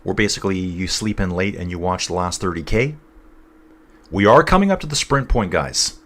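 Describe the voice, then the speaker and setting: A man's voice: low-pitched, expressive, moderate pace, a bit bright. A man from North East England hosting a casual cycling livestream, rambling between race commentary and reading out viewer chat, calling everyone dude and guys.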